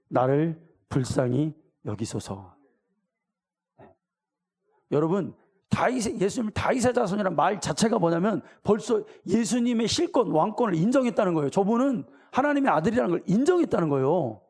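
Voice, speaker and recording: In his sermon, a middle-aged pastor talks colloquially, puts questions to his congregation, and acts out the voices of the people in the story. His voice sits high with a darkish tone.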